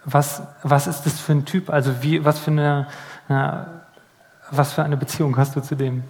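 A man's voice: a little high, little pitch movement, moderate pace, darkish tone. A man hosting an interview, asking loose, rambling questions and teasing his guest. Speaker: interviewer, host. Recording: long hall reverb.

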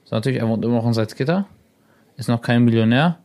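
Speaking fast in a mid-range voice, a young YouTuber guesting on a radio show shares casual stories. He's animated, performing the quoted lines of dialogue himself.

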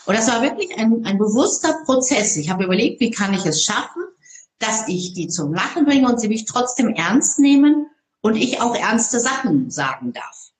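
A woman who speaks on stage, telling stories in an interview in a lively, expressive way. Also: a little high, normal speed, reverberant. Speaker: public speaker. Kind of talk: interview conversation.

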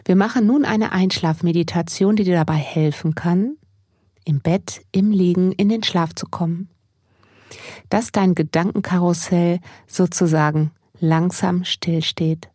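Female sleep meditation narrator for a mindfulness podcast: mellow, dark timbre, slightly husky, gentle and unhurried, close dry sound. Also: lowish voice, no echo. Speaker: podcast host, mindfulness coach.

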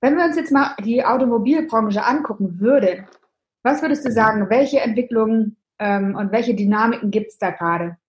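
Woman, podcast host, fairly high voice, conversational questions. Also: moderate pace, poor audio. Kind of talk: podcast interview.

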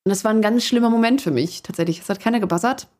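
Young woman, interview guest: casual, animated, laughing storyteller. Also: on the high side, rapid-fire. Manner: chatty and lively, many fillers, laughs while telling. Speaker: guest, singer.

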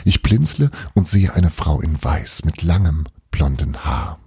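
Husky, gravelly low-voiced man reading. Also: lively intonation, a little slow, no echo, studio quality. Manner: hushed, often half-whispered reading. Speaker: audiobook reader. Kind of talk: first-person literary reading.

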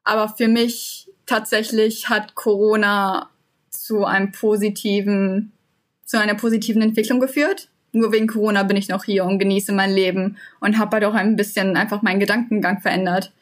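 A woman's voice: medium pitch, fairly even intonation, moderate pace. Young german woman chatting earnestly, long flowing sentences. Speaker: interview guest. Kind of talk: casual conversation.

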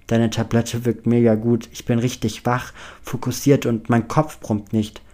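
A man's voice: medium pitch, little pitch movement, a little slow, warm tone, lightly acted. A man reading aloud and voicing an anxious, earnest teenage boy.

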